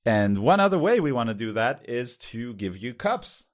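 An Israeli man whose first language is Hebrew co-hosts a casual podcast, speaking haltingly with lots of fillers and restarts. His voice is medium in pitch, with a sing-song quality and an Israeli accent.

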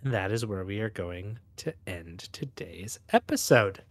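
A man with a slightly low voice runs a tabletop roleplaying game. He narrates as game master in a halting way, with dramatic pauses. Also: expressive.

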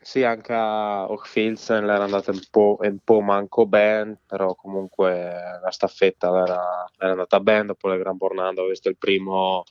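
A man's voice: sits low, level tone, moderate pace, hardly any pauses, a little mellow, clean tone, no echo. A man in his twenties with a northern Italian Trentino accent, answering hesitantly in a casual phone interview. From Trentino, northern Italy. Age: 20s. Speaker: biathlete being interviewed. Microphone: telephone. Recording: slightly dull telephone connection.

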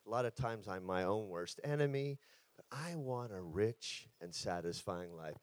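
A man in his fifties, preaching as a guest pastor, gives a sermon and then prays aloud, building to loud, fervent declarations line by line. His voice is lowish with lively intonation at normal speed, and there is no room sound.

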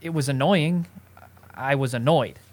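A man's voice: medium pitch, measured pace, natural voice. A young man in a student radio drama playing a shy, anxious teenage boy who stammers and pleads. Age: young adult. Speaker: nephew.

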